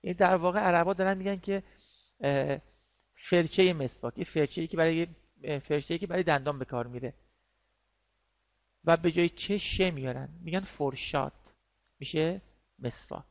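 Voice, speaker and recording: Man, teacher, patient explaining, repeats words, fairly high voice, muffled lo-fi recording. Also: creaky, long pauses. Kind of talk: online class lesson. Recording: dull lo-fi sound.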